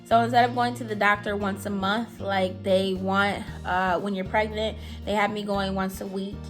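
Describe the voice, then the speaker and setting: A young woman tells a personal story straight to camera in a loose, chatty way, leaning on "like" and "I'm telling you". She sounds anxious, and her voice sits at an ordinary mid pitch. Faint music plays underneath. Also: flat delivery, normal speed. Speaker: vlogger. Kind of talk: casual storytime.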